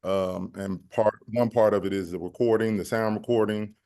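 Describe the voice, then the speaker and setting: A man with a fairly low voice walks a panel audience through copyright step by step. He talks in a measured way, often pausing on fillers. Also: fairly even intonation, mellow. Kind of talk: explanatory panel talk.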